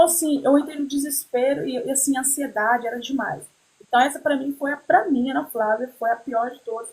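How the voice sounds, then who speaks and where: A woman with a high, bright-pitched voice talks casually as host of a chat. She tells personal stories with lively swings in feeling and keeps checking that the listener follows. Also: poor audio. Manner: tells stories animatedly, often checks in with "entendeu?". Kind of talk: casual conversation.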